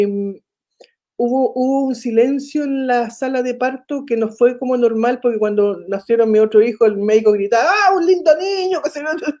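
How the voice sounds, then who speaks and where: A middle-aged woman with a Chilean accent tells her story in an animated way, slipping into the voices of the people she quotes. Her voice sits a little high and sounds warm and mellow. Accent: Chilean Spanish. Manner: animated, acts out quoted dialogue. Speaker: foundation founder and mother. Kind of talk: interview storytelling.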